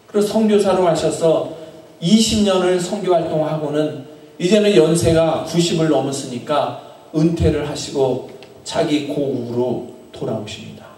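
The recording, very echoey and seemingly taken from afar, captures a middle-aged pastor preaching a storytelling sermon at the altar of a small chapel. He speaks into a handheld mic in a high voice, letting phrases drift off quietly between long pauses.

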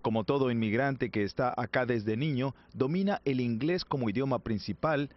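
Measured male news narrator. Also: mid-range voice, lo-fi sound, a little hiss or hum. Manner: measured, even reporting tone.

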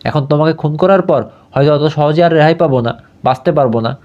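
A deranged, vengeful young killer, as a man reading the story puts him on, speaking with cold menace in a fairly high male voice. The storybook audio sounds dull and lo-fi, with little top end. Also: fairly quick, close to an everyday voice. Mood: menacing.

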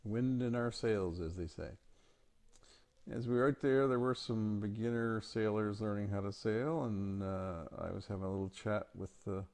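Man, gravelly, mellow dark tone, casual photo voice-over, hesitant with fillers. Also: on the low side. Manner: halting, many uh and um fillers. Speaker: travel vlog narrator.

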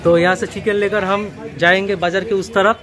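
A man's voice: high voice, level tone, fairly quick, crowd noise. A young man in his twenties, talking to viewers in a friendly way as he films on a phone held at arm's length, walking outdoors through a busy market. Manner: friendly, addresses viewers directly. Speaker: vlogger. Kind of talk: casual vlog narration.

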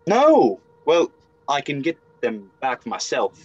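A man's voice: fairly low pitch, moderate pace, no room sound, lightly acted. Muffled, brash young male exile acted by a man. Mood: defiant. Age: young adult. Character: brash, evasive, confused young male exile caught stealing. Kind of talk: amateur video game role-play drama. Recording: muffled lo-fi home webcam audio.

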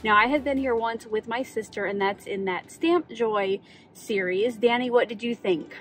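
Inside a car and later outdoors at a rest area, a craft vlogger in her forties chats cheerfully into her arm's-length phone and adds voice-over narration. Her voice is on the high side, at normal speed, with faint music behind.

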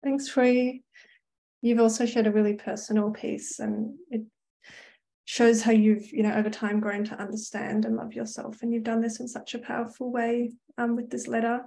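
A woman hosting a launch event, thanking a contributor and introducing the next one with soft fillers. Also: a little high, little pitch movement, normal speed, vocal fry, poor audio. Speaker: event host.

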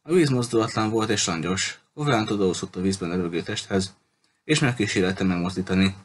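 A man reading a novel aloud in a steady, measured way. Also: sits low, breathy edge. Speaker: audiobook reader.

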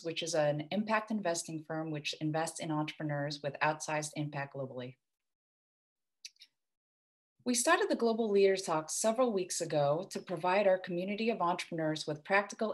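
A woman in her thirties hosting a talk series, giving a measured introduction on a video call. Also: fairly low pitch. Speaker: interview host. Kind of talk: scripted introduction then questions. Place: indoor home room.

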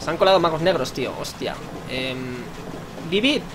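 A young gamer with a Spain Spanish accent casually comments on a video game in a let's play, his fairly high voice lively at normal speed. Joking and crude, he reads lines aloud over game music and a noisy background.

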